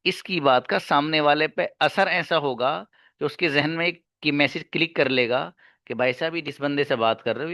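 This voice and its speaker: Bright-voiced male teacher lecturing emphatically. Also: mid-range voice, gravelly, clean tone, no echo, lo-fi sound. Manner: emphatic, addresses listeners as brother, switches into Arabic and English examples. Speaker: English teacher. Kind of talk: online class lecture.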